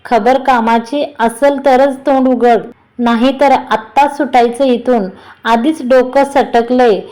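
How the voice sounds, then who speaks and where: A woman's voice: high-pitched, fairly even intonation, slow, warm tone, rough recording. A woman voicing a scheming gangster man who gives curt, insulting orders, within a storybook reading.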